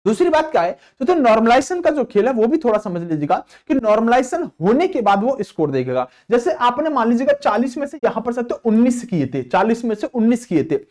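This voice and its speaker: Teaching exam candidates, a man explains things repetitively, often posing questions and answering them himself. His very high voice is very animated and a little mellow, and he talks fast with few pauses.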